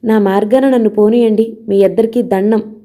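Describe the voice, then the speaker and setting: A woman's voice: medium pitch, steady tone, normal speed, mellow, lightly acted. A woman voicing a young husband who firmly defends his marriage against his family in an audio novel. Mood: defiant. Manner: firm, defiant.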